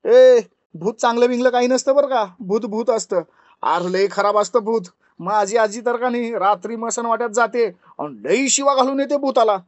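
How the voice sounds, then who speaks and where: A man voicing a cocky, boastful village schoolboy who talks loud and rustic. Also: very high voice, normal speed, no echo, highs cut off. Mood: brash boasting.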